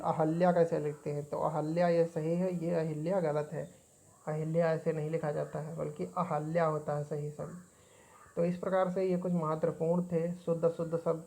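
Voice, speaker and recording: A woman with a low, dark voice teaches an exam-prep grammar lesson. She keeps her delivery flat and steady, repeating each word and marking it right or wrong. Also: low-quality recording.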